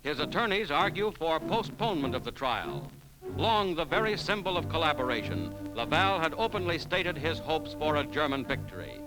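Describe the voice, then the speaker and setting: A man's voice: on the high side, sing-song, normal speed, poor audio. A man narrating in the dramatic, formal, emphatic style of a 1940s newsreel. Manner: formal, emphatic announcer phrasing. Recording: vintage newsreel soundtrack with music behind.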